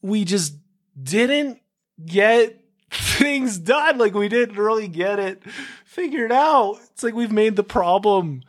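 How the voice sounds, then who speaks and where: His voice sits high with lively intonation, yet his pace stays measured as this young podcast host speaks alone. The casual monologue meanders through tangents and is packed with "like" and "dude."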